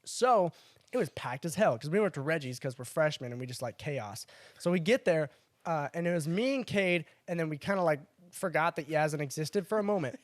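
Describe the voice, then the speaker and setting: A young man, co-hosting a podcast and telling a story in an animated, swearing way. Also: on the high side, fairly quick, no room sound, clean studio sound. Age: young adult. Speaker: podcast co-host. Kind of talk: casual storytelling chat.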